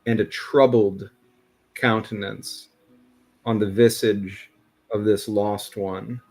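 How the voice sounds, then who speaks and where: A man playing a tabletop role-playing game, narrating his character's actions in a casual way. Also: fairly low pitch.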